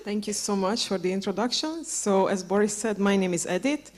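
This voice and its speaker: A woman's voice: mid-range voice, animated, a little fast, darkish tone. A woman from a university recruitment office, moderating a panel and asking people to introduce themselves. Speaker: event moderator. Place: university hall.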